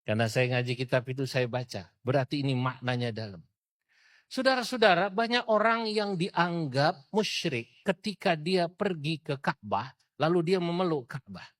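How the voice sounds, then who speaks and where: A middle-aged male preacher tells his sermon as a lively story. He acts out the characters' cries in a high, bright, forceful voice. The recording is close and dry. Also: moderate pace, dry recording.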